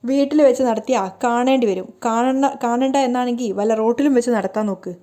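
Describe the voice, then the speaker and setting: A woman's voice: fairly high pitch, brisk, mellow, lightly acted. A woman voicing a mocking young husband who keeps needling his family with sarcastic remarks. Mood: teasing.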